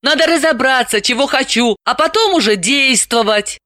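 A woman reading an audiobook, voicing a tired, measured woman psychologist in her thirties. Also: high-pitched, expressive, bright, forceful tone, dry recording, studio quality, voice pushed up. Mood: calm.

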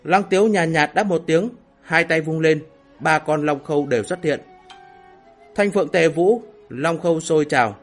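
A man narrating a fantasy novel in a steady, dramatic storytelling manner. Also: fairly high pitch, moderate pace, soft background music. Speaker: audiobook narrator.

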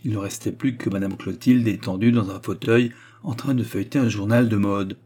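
A man reading a novel aloud as an audiobook, in steady, measured narration. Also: on the low side. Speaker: audiobook reader.

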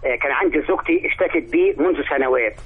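A man's voice: a little high, rapid-fire, slight background noise. A man with an Egyptian accent calling in to a radio show, formal and courteous as he asks his question. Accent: Egyptian Arabic. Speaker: caller. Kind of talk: call-in question on air. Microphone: telephone. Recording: phone line.

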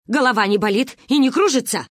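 A woman's voice: fairly high pitch, brisk, a bit bright, natural voice. A woman reading a story aloud and voicing an anxious, fussy old grandmother who scolds. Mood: fussing.

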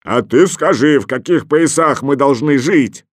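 A man's voice: medium pitch, a little slow, no echo, clean studio sound, close to an everyday voice. A man reading an audiobook, voicing a huge grumpy polar bear who roars his demands. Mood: gruff. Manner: roaring, gruff, demanding. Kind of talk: audiobook character voice.

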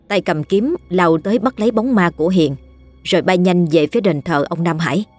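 A narrator telling a ghost story in a steady, scripted way. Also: medium pitch, no echo.

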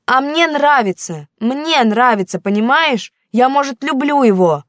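A woman voicing a defiant, tearful teenage girl who shouts accusations at her mother. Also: high-pitched, lively intonation, unhurried, no room sound, studio quality, pitched above the performer's own voice. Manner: shouting, accusing, on the verge of tears.

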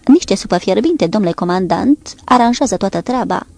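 A woman's voice: mid-range voice, expressive, darkish tone, no echo. A woman narrator voicing a loyal, plain-spoken male sailor who eagerly looks after his commander.

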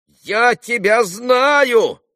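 A man voicing an agitated, dim-witted young clerk who keeps shouting the same words, in a storybook reading. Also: very high voice, lively intonation, dry recording, studio quality, voice pushed up, full character voice. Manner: shouting, repetitive, slow-witted.

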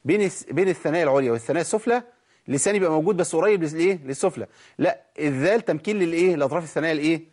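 A man with an Egyptian Arabic accent teaching Quran recitation, asking and answering his own questions and drawing out slow recited examples. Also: a little high, a little mellow, slightly rough. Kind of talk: tajweed lesson.

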